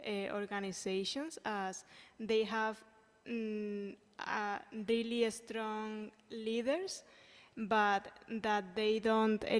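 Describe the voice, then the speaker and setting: A woman giving spontaneous panel remarks at a symposium, measured and earnest, pausing between phrases. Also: medium pitch. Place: conference room. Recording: reverberant conference hall.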